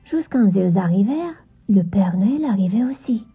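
A woman narrating a children's Christmas story in a gentle storytelling manner. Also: mid-range voice, lively intonation, normal speed, husky, faint music behind.

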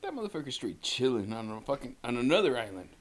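A man's voice: medium pitch, very animated, fast. A man co-hosting a casual podcast, talking in a rambling, profane way and swearing constantly. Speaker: podcast co-host. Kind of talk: casual chat.

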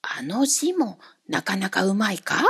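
A woman's voice: on the low side, very animated, a little slow, gravelly, slightly rough, pitched below the performer's own voice, exaggerated voice. A woman voicing an odd little goat-legged coachman who talks in country dialect and is wheedling and easily hurt. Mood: sly rustic.

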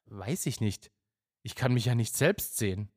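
A man's voice: mid-range voice, expressive, unhurried, darkish tone, slightly rough, dry recording, clean studio sound. A man reading a first-person story aloud in a plain, matter-of-fact way. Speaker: narrator.

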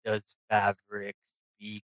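A haughty ancient dragon, played by a man drawls every word with a slow, lordly menace. The voice has a bright edge, and the lo-fi recording dulls it. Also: fairly low pitch, completely flat delivery, no room sound. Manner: slow, drawn-out, imperious speech. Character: menacing ancient male dragon, proud and hungry. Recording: dull lo-fi recording.

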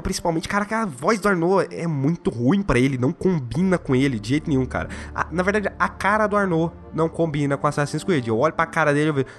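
A young Brazilian man giving a casual, blunt and opinionated game review, swearing freely. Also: mid-range voice. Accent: Brazilian Portuguese. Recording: faint music behind the voice.

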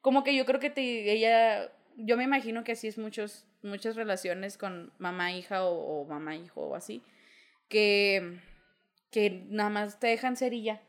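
A woman's voice: mid-range voice, normal speed. Young Mexican woman telling candid stories. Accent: Mexican Spanish. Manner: candid, slangy storytelling. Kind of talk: casual chat.

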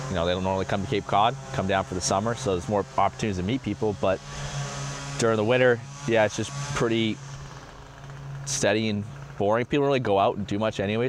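A young man in his twenties answers interview questions in a lowish voice, pausing and restarting as he thinks. He speaks outdoors, with clear background noise behind him. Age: 20s. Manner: hesitant, halting with fillers.

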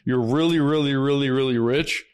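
A man co-hosting a casual podcast chat, talking in a rapid, rambling way and packing in "like" and repeated words. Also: mid-range voice, darkish tone, clear, resonant tone. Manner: rapid, rambling, filler-heavy. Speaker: podcast co-host.

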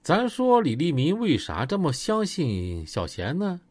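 Lively Northeastern Chinese male storyteller. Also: a little slow, dry recording. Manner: acts out gangster dialogue in lowered voices. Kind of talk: serialized oral storytelling.

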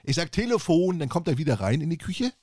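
This podcast co-host talks fast in an animated voice that runs on the high side, a little mellow and slightly rough, in a dry recording. He works as an appliance service technician and chats casually, spinning rambling anecdotes from the job while playing both parties in the dialogue.

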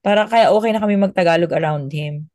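A woman's voice: fairly low pitch, fast, darkish tone, no room sound, clean studio sound. A Filipino woman, a podcast guest, chatting casually and thinking aloud as she recalls details. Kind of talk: casual chat.

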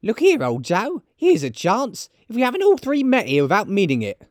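A man voicing a bold, defiant, scornful charwoman in a storybook reading, loud and exclaiming. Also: high voice, wildly swooping pitch, moderate pace, no room sound, clean studio sound, voice pushed up. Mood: brash.

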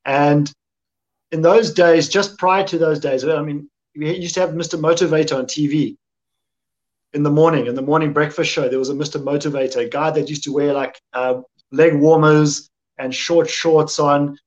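Man, mid-high voice, earnest advisory chat, muffled lo-fi audio. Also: fairly even intonation, normal speed. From South Africa. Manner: earnest, advice-giving, repeats phrases for emphasis. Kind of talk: casual podcast chat.

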